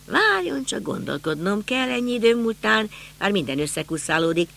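A man's voice: sits high, very animated, vocal fry, sharp tone, voice pushed up, exaggerated voice. A man voicing a talkative elderly male neighbor who rambles through old memories. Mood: reminiscing. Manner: rambling, reminiscing.

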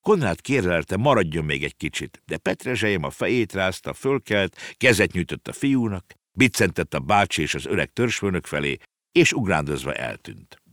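Deep-voiced animated male storyteller. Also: no room sound, studio quality. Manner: expressive, animated narration. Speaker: narrator. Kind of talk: storybook reading.

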